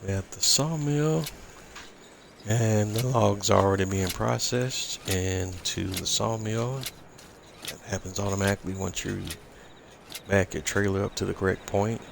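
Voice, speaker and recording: A man commentating his own farming game stream live, slowly explaining each step while losing his voice. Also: sits low, flat delivery, creaky. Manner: slow, explanatory, with filler pauses. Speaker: gaming streamer. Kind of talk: casual live gameplay commentary. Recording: loud game noise behind voice. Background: game vehicle and ambience sounds.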